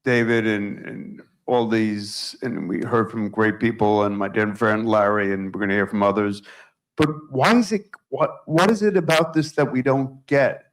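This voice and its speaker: A man's voice: on the low side, steady tone, moderate pace, rough recording. A man moderating a conference panel, building a rambling question full of restarts. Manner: searching, rambling rhetorical questions.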